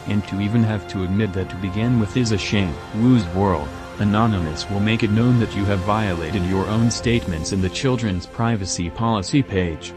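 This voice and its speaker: A man's voice comes through a disguised deep voice, pitched low. He reads a scripted statement in a formal, stern and accusing manner, as an anonymous activist spokesman. Faint music plays behind him.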